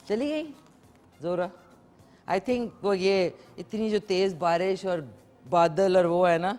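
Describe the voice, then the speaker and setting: A woman's voice: lowish voice, a little mellow. Chatty woman host, live cooking demo, easygoing and talkative with viewers and callers. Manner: chatty, code-switching with English words, talks to viewers and callers. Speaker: morning show host cooking on air. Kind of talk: casual live cooking demonstration.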